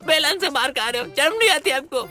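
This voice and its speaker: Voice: high voice, lively intonation, brisk, sharp tone, faint music behind. A performer voicing a cowardly village goon sidekick who complains and pities himself. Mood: complaining. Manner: complaining, rustic and self-pitying. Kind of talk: cartoon voice acting.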